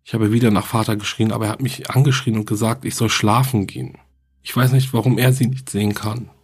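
A man reading the diary entries of a lonely, grieving young girl in a quiet, earnest way, as horror narration. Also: fairly low pitch, steady tone, fast, slightly rough. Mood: frightened.

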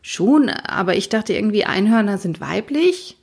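A woman's voice: mid-range voice, lively intonation, normal speed, vocal fry, a little mellow, breathy edge. Woman doing a curious wide-eyed boy. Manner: wondering, questioning.

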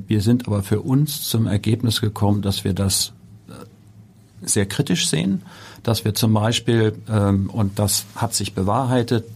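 A man's voice: fairly low pitch, warm tone. Interview guest, male, middle-aged, hesitant and thoughtful, frequent fillers. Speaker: guest, construction company executive. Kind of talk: interview answers. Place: podcast studio.

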